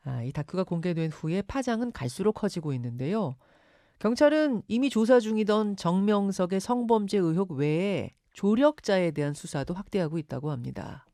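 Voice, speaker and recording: A woman's voice: medium pitch, animated, normal speed, mellow, no room sound, studio quality. A woman hosting a radio news interview, articulate and emphatic, posing questions to the listeners and the guest. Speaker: radio news show host.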